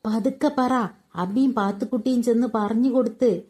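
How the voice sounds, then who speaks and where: A woman voicing an elderly mother from a read-aloud storybook. She speaks in an urgent, hushed tone, keeping things secret, her voice pitched higher than the reader's own and still mellow. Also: moderate pace, lightly acted. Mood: hushed, insistent.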